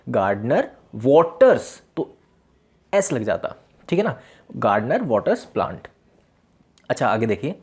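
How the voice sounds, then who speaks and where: A man teaching English grammar in a classroom lesson, asking himself questions and answering them, and reading each example sentence slowly and repeating it. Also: mid-range voice, a little mellow, husky.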